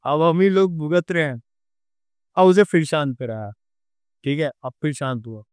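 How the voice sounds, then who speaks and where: A young man with a Delhi Hindi accent telling a true ghost story on a podcast, animated and acting out the scenes. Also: a little high, moderate pace, smooth, no room sound. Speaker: podcast guest.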